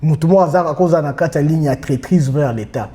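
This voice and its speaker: A man's voice: on the high side, moderate pace, mellow. A man with a Congolese French accent hosting a casual discussion, switching between French and Lingala as he leads each point. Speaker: podcast host.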